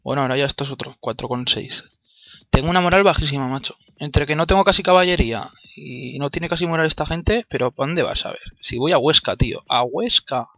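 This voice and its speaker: Brief: young Spanish man, let's play commentary, exasperated and sweary, fairly high bright voice. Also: fairly quick. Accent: Spanish from Spain. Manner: exasperated, swears often, talks to himself. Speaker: gameplay commentator.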